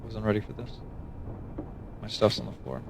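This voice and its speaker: A man's voice: on the low side, big pitch swings, moderate pace, noisy background. A male streamer reading an interactive story aloud on a livestream, casual, with wry asides and swearing between the passages. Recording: faint background music.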